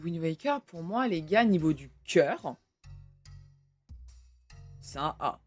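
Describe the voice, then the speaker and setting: A woman's voice: deep voice, big pitch swings, slow. Young woman streamer, chatty and casual, swears loosely, faint music behind. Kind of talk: casual live-stream chat.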